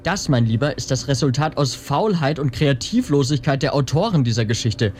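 A man's voice: mid-range voice, lively intonation, brisk, darkish tone, a little hiss or hum, natural voice. A man playing a dry, sarcastic, nitpicking detective's sidekick in a comic audio drama. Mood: exasperated. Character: sardonic, nitpicking, reluctant male detective's sidekick.

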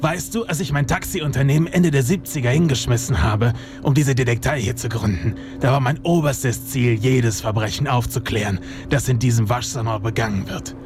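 A man's voice: medium pitch, moderate pace, few pauses, over music, close to an everyday voice. A man playing a self-important, theatrical private detective in a noir-style audio drama. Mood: solemn, pompous.

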